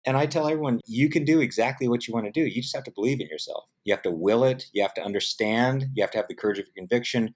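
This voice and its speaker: Speaking rapid-fire with few pauses in a medium-pitched voice, a middle-aged film production professional from San Diego, United States, tells casual stories as an interview guest. His accent is American, and he brings quoted dialogue to life with animated acting.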